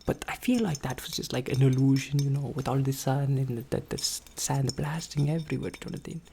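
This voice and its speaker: A woman voicing an eccentric, boastful, excitable vampire in a theatrical, rambling ASMR ASMR role-play, slipping in and out of a breathy soft voice. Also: a bass voice, a little hiss or hum. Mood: defensive, chatty. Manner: theatrical, chatty, rambling, drawn-out exclamations. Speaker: ASMR performer.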